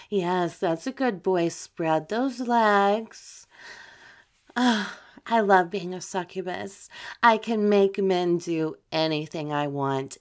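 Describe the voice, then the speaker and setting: Domineering female demon , played by a woman, mid-pitched and unhurried, mocking with low chuckles. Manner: slow, mocking, with frequent soft laughs. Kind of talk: amateur audio roleplay.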